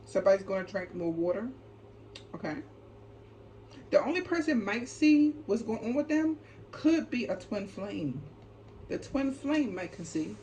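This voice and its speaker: In a medium-pitched, mellow voice that is very animated, a tarot reader and channel host talks a little slowly, leaving long pauses. Her unscripted, casual spiritual card reading is emphatic and repetitive with frequent short check-in tags, and the ambient background is clearly noisy.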